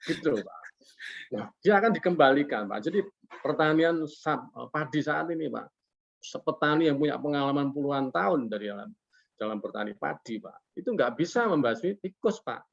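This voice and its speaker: A man's voice: fairly high pitch, lively intonation, moderate pace, creaky. A man who is a guest expert on a webinar, explaining in a folksy way, asking himself rhetorical questions and politely addressing the host after nearly every phrase. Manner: poses rhetorical questions and answers them himself. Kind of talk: casual explanatory talk over a webinar call. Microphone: video call. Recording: lo-fi online call audio.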